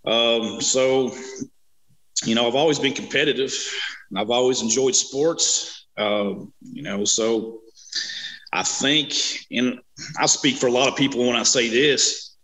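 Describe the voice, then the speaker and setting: An easygoing man in his thirties from Kentucky chats on a video call, pausing often with "uh" and "you know". His voice is bright and forward, at an ordinary pitch for a man. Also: rough recording. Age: 30s. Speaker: interview guest, strongman competitor. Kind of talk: casual video-call interview. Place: small home room. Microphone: webcam on video call.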